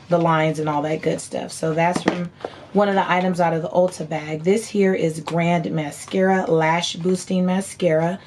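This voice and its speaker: Hoarse woman vlogger, noisy background. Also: fairly low pitch, darkish tone. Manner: chatty, informal, folksy. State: hoarse, voice partly lost from screaming. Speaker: beauty vlogger. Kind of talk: casual chat unboxing haul. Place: indoor room at home.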